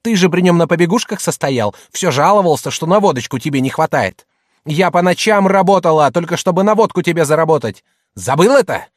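A man reading an audiobook, voicing a middle-aged merchant's wife who mocks and shouts at her husband. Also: fairly high pitch, lively intonation, fairly quick, dry recording, studio quality. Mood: shouting. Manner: loud, mocking, hectoring.

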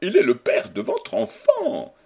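A man's voice: high voice, wildly swooping pitch, unhurried, creaky, dark tone, husky, voice pushed up, heavily acted. A man reading aloud, voicing a stern, solemn old baron who reproaches his daughter in a storybook. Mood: reproachful.

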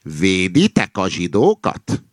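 A man voicing a suspicious, touchy male fox in a fable reading, with high agitated accusing outbursts. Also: wildly swooping pitch, no echo, studio quality, heavily acted. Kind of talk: acted reading of a satirical fable.

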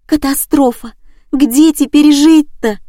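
Storybook figure: woman reader voicing a dazed young woman, high and breathless, dry close sound. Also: level tone, unhurried, dark tone, dry recording, lightly acted. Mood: distraught.

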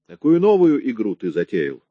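A man's voice: on the low side, wildly swooping pitch, moderate pace, no room sound, narrow, tinny audio. Man voicing a cocky, mocking police detective. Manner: mocking, pressing questions.

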